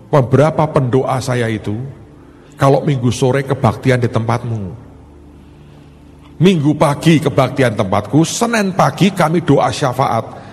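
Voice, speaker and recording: Lively-voiced pastor preaching in a hall. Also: male voice, mid-range voice. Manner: tells a story, acting out both sides of a dialogue. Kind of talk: sermon with storytelling. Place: large church hall. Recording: hall reverb with faint music.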